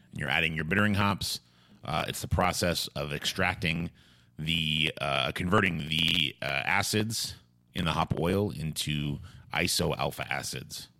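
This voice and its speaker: A man hosting a podcast in casual talk, rambling and halting as he restarts his phrases. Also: a bass voice, vocal fry, sharp tone, no room sound. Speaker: podcast host.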